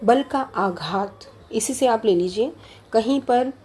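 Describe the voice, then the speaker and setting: Mellow-voiced woman giving a lecture. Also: on the high side, takes it slowly, slight background noise. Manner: explanatory, repeats key terms and asks rhetorical questions. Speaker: teacher. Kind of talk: lecture on Hindi phonology.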